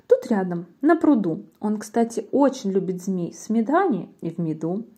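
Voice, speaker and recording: A woman voicing a tiny, cheeky male mouse in a rhyming storybook, squeaking and bragging. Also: normal speed, breathy edge. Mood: polite, sly. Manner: cheeky, excited, shouting greetings. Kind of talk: storybook reading in verse.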